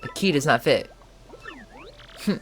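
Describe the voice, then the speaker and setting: A man's voice: a little high, animated, unhurried, faint music behind. A man streaming a video game, talking through his choices in an offhand, musing way. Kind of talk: casual gameplay commentary.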